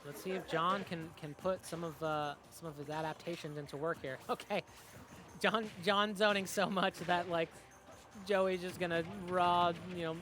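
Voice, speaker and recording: Excitable young male esports commentator. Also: high-pitched. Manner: excitable, filler-heavy, quick reactions. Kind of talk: live play-by-play commentary. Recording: music playing behind.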